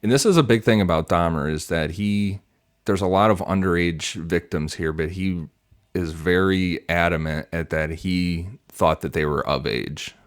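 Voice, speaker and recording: Deep-voiced man reading case notes. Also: moderate pace, no echo, studio quality. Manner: steady, matter-of-fact reading. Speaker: podcast co-host and researcher. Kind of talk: reading prepared notes in a casual podcast.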